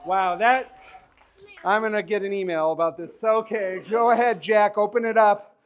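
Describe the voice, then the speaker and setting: A man's voice: high-pitched, fairly even intonation, moderate pace, muffled recording. A man performing as a magician at a live show, joking and encouraging a volunteer with chuckling banter. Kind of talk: live stage patter with a volunteer. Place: live show in front of an audience.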